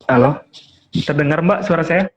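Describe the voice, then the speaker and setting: A man's voice: fairly high pitch, moderate pace. A man moderating an online discussion, heard over a call line, hesitant with many fillers. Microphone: video call. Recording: dull lo-fi call audio, faint noise.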